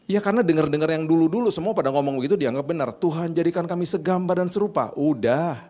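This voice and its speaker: A man's voice: a little high, fast, dark tone. A middle-aged man, preaching a sermon in a casual, conversational way and acting out stories. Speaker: pastor.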